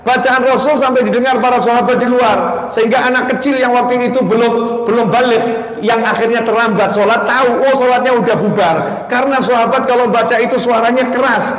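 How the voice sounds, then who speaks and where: A man preaching a religious lecture with an Indonesian accent, moving between soft prayerful murmurs and emphatic raised points. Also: very high voice, steady tone, brisk, few pauses. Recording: roomy hall with long reverb.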